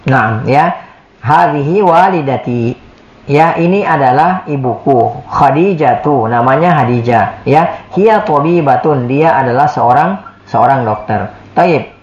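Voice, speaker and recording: A man's voice: medium pitch, animated, a little slow. A man teaching Arabic in a classroom lesson, explaining patiently, repeating words and often checking with "ya". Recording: echoey, dull lo-fi room recording.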